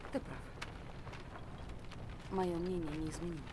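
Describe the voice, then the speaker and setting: A woman's voice: fairly low pitch, fairly even intonation, unhurried, background noise, natural voice. An actress playing a determined young woman agent in a dubbed video game, plain-spoken and terse. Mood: reserved.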